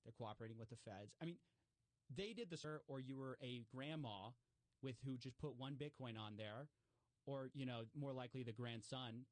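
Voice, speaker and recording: A man talking casually and explaining at length, animated, with frequent fillers and restarts. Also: medium pitch, moderate pace, dry recording.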